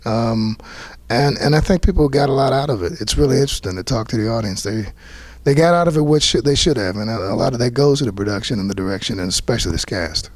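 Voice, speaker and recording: A man's voice: medium pitch, expressive, quick pace. A man, a playwright, speaking earnestly and reflectively in a talkback interview after a theater performance, often restarting his sentences. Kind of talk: post-show talkback interview.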